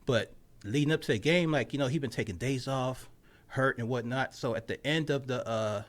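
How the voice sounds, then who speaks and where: A young man, a sports journalist, tells a story in casual podcast chat, animated and full of fillers, dropping low when he quotes his own thoughts. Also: normal speed. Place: outdoors on college grounds.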